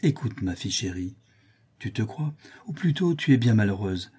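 A man's voice: lowish voice, big pitch swings, normal speed, mellow, husky. A man reading a grave, loving father who is a prince in an audiobook, in a solemn, tender and earnest manner.

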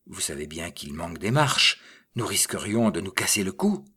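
A man's voice: low voice, very animated, normal speed, sharp tone, slightly rough, heavily acted. A man reading aloud and voicing a cautious village field warden who speaks respectfully to his mayor. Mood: wary. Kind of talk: audiobook reading.

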